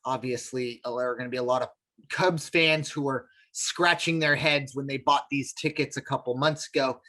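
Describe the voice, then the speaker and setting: A man's voice: mid-range voice, steady tone, normal speed, pushed and bright. A man co-hosting a casual sports podcast, rambling with lots of fillers and restarts. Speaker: podcast co-host.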